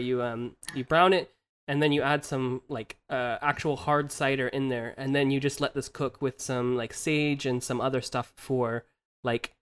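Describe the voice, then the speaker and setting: A man's voice: medium pitch, a bit bright, smooth. A young man co-hosting a podcast in casual chat, laughing often and restarting his sentences. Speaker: podcast co-host. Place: living in Germany, from the US.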